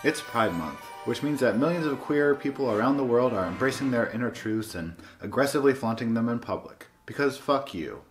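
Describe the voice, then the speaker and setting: A man's voice: medium pitch, expressive, brisk, few pauses, over music. A man hosting a book channel, giving a scripted monologue in a wry, sardonic way. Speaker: booktube host.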